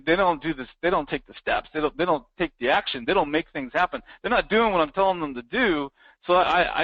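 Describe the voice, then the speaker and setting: Male motivational trainer, somewhat high and very animated pitch, emphatic and repetitive, dull dry lo-fi stream audio. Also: no room sound. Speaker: business trainer. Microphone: live-streamed online.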